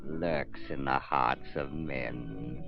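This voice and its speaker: A sinister, mocking avenger from a 1930s radio drama, in a deep, swooping voice. The delivery is ominous and theatrical, on a muffled vintage recording with music behind it. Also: male voice, heavily acted. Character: sinister mysterious male avenger, mocking and menacing.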